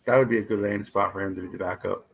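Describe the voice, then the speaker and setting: A man hosting a live stream, hoarse and losing his voice, reacting to draft picks and answering his chat in casual commentary. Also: on the low side, steady tone, racing, narrow, tinny audio. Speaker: livestream host.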